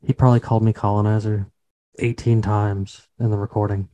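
A man's voice: fairly low pitch, flat delivery, fairly quick, mellow, lo-fi sound. A man co-hosting a podcast, telling rambling stories in casual chat. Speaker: podcast co-host.

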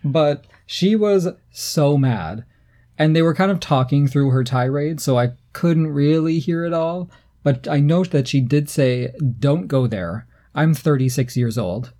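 A man's voice: on the high side, a little slow. A man in his thirties co-hosting a casual podcast, telling stories in a playful, irreverent way. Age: 30s. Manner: animated storytelling, playful and irreverent. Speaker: podcast co-host. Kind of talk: casual chat.

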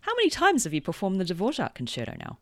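A woman with a New Zealand accent hosting a podcast interview, friendly and lively, with light laughs. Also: mid-range voice, fast, no room sound, clean studio sound.

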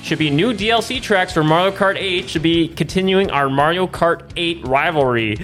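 Chatty man hosting, slightly high voice. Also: normal speed, a bit bright, faint music behind. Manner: rambling, filler-heavy wrap-up talk. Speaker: host. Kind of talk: casual chat.

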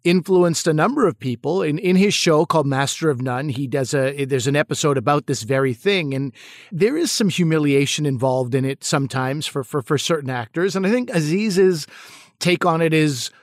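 Man with a higher, dry voice. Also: normal speed, no room sound. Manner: thoughtful, often restarting and repeating words. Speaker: actor and comedian. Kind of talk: interview answers.

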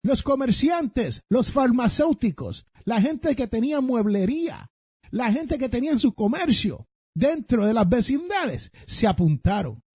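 Animated Puerto Rican man with a high voice. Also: a little slow, breathy edge, dry recording. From Puerto Rico. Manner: animated storytelling, addresses listeners directly. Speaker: podcast host. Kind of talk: personal finance talk.

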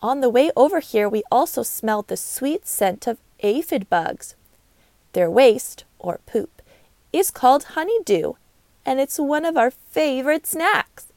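A woman voicing a strong, busy female worker ant in a storybook, brisk and matter-of-fact. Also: high-pitched, big pitch swings, darkish tone, dry recording, heavily acted.

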